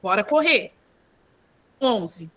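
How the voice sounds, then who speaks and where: A woman's voice: medium pitch, very slow. A woman leading a women's Bible study, preaching in a conversational way with tag questions and acted-out voices. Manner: animated, acts out biblical voices. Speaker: women's group leader.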